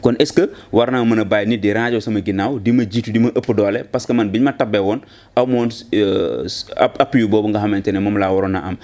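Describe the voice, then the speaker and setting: A man, arguing political points quickly in a discussion, mixing in French. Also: lowish voice, steady tone, a little mellow. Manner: fast, argumentative, mixes French into Wolof. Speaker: political commentator.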